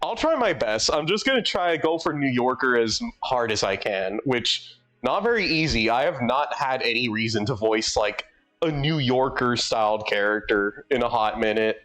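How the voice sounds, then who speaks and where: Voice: medium pitch, expressive, normal speed, a bit bright, faint music behind. A streamer chatting casually between game scenes, laughing, swearing and making fun of their own voice acting. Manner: laughing, swearing, self-deprecating. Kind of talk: casual live-stream chat.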